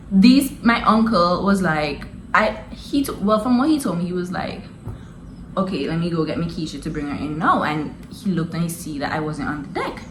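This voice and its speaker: A woman's voice: mid-range voice, a bit bright, reverberant, slight background noise, poor audio. A young adult woman telling a story in a casual, slangy way and laughing often as she goes. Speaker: vlogger.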